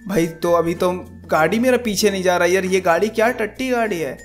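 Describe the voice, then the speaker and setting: Young male gaming streamer, high voice, jumpy and exclaiming. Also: brisk, faint music behind. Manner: excitable, frequent yelps and exclamations. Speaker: gaming YouTuber. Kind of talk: excited gameplay commentary.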